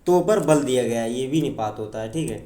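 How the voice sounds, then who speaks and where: A man's voice: medium pitch, expressive, a little fast, dark tone, reverberant. A man teaching an exam-prep grammar lecture, explaining with examples, repeating points and often checking in with his students.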